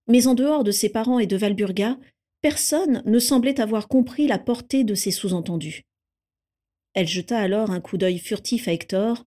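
A woman reading a fan fiction story aloud in a steady, calm narrating voice. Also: mid-range voice.

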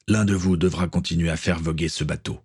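A man's voice: sits low, steady tone, brisk, a little mellow, husky. A man voicing a stern middle-aged pirate captain, an uncle who speaks with firm authority.

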